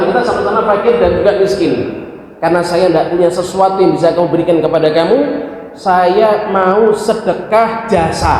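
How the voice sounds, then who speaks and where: High-voiced Javanese preacher in an echoing hall. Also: male voice, a little mellow. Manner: storytelling, acting out characters' lines; asks the congregation questions. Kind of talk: hadith study sermon. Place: mosque hall. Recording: very echoey mosque hall, faint ambience.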